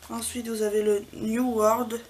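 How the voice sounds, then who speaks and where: A woman beauty vlogger, soft-spoken, walking through makeup swatches in a casual way at home and often dropping to a near whisper. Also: fairly high pitch, flat delivery, unhurried, a little hiss or hum, rough recording. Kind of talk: casual product swatch walkthrough. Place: home apartment.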